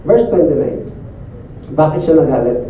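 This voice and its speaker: High-voiced man preaching in an echoey church. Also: expressive, normal speed, dark tone, slight background noise. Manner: conversational, often asks listeners "di ba?". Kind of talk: sermon. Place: church service. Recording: echoey distant phone-like sound.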